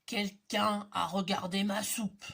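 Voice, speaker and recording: A big stern bear from a storybook, as a woman puts it on. It booms loudly and scolds, and the voice has a breathy edge. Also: fairly even intonation, slow pace, heavily acted. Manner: loud, booming, scolding.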